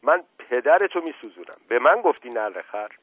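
A man voicing a hot-headed loyal middle-aged male servant who shouts in rustic speech. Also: on the low side, dry recording, close to an everyday voice. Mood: shouting. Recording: tinny phone-like radio sound.

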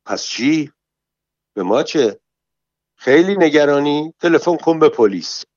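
A man's voice: a little high, animated, darkish tone, no echo, highs cut off, pitched above the performer's own voice. A man voicing a skinny young partygoer with a beer in hand, who talks in a flippant, carefree way in an audiobook reading. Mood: mocking. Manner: flippant, breezy, mocking.

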